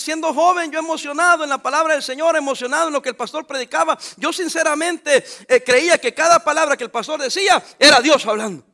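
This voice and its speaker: A man's voice: very high voice, bright, forceful tone. A middle-aged man preaching a sermon, fervent and full of questions to his listeners.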